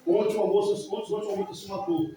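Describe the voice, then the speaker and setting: A church member in his forties gives a spoken testimony to the congregation, talking quickly in a voice that sits high for a man, with a steady tone. He is emotional and rambling, often repeating himself, and is captured from a distance in a very echoey hall with faint background noise.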